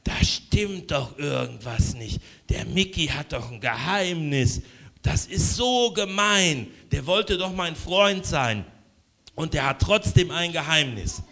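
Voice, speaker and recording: A man's voice: a little high, sing-song, unhurried, few pauses, fairly bright tone, exaggerated voice. A man doing a sulky young hopping critter. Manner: indignant, sulky child-like pleading.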